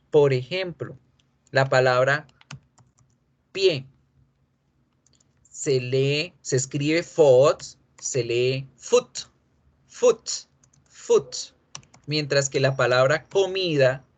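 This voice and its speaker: Man, English teacher, patient, repeats words slowly. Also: mid-range voice. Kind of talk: online pronunciation lesson.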